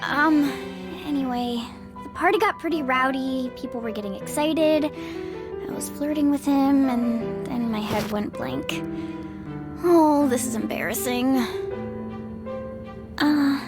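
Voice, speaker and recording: A woman's voice: high-pitched, slow pace. An actress playing an earnest, flustered young android bride in a video game, girlish and stammering. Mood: embarrassed, hesitant. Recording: music behind the voice.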